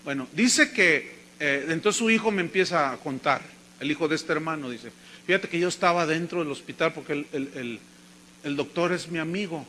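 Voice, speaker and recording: A man's voice: fairly high pitch, normal speed, pushed and bright. Male pastor, sermon storyteller, faint hum behind the voice. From Mexico. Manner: storytelling, acting out the people he quotes.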